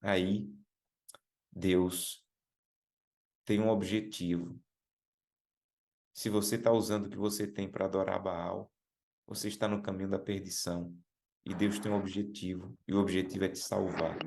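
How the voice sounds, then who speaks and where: A Brazilian man preaching a sermon, emphatic, repeating key words and calling listeners brothers, slowing to stress lines. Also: little pitch movement, creaky, a little mellow. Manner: emphatic, rises in pitch and slows down for stressed phrases.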